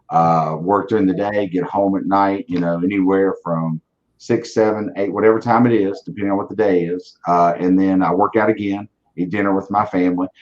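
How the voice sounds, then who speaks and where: In a casual interview, a guest who leads an auto dealership, a man in his forties, responds bluntly and with drive, repeating words when he restarts. His voice is low, and the audio is dull.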